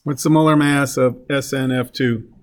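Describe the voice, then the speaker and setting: A man's voice: mid-range voice, steady tone, moderate pace. A man teaching a chemistry class, working through a problem step by step and asking the students questions as he goes. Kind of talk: classroom lecture.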